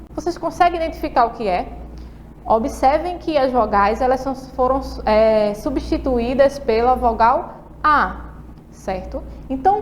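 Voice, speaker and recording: A Brazilian woman teaching a lesson to young children, spelling things out slowly and checking in often with the class. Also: sits high, slight background noise. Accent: Brazilian Portuguese. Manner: slow, spelled-out letter-by-letter explanations with frequent check-ins. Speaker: primary school teacher.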